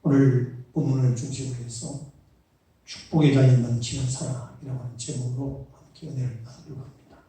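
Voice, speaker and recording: A male pastor preaching a sermon in a measured, earnest way with casual asides, recorded in a church sanctuary. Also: mid-range voice, dark tone. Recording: echoey church hall from far off.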